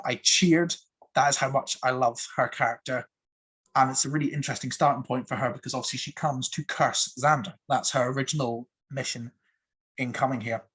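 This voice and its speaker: A man's voice: medium pitch, slightly rough. A man giving a casual, enthusiastic review of TV episodes, eager and full of fillers. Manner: excitable, fond of "so much fun"; frequent fillers and restarts.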